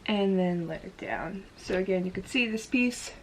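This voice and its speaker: Woman vlogger, mid-range voice, relaxed and chatty, lots of "like", talking to a camera at home. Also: medium pitch, normal speed, slight background noise. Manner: chatty, with frequent "like" fillers. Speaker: hair tutorial vlogger. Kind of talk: casual step-by-step demonstration. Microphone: camera in front of her.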